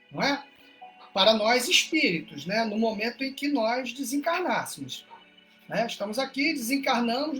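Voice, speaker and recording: Brazilian woman lecturing online, pitch rising and falling a lot, slightly high voice, faint music underneath. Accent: Brazilian Portuguese. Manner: asks rhetorical questions, frequent "né?". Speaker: speaker at a spiritist study group. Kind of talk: explanatory talk on a religious text. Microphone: online livestream.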